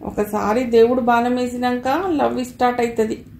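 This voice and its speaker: A woman voicing a gruff middle-aged husband with a Telangana Telugu accent, curt and dismissive. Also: on the high side, flat delivery, moderate pace, darkish tone, echoey room, slight background noise.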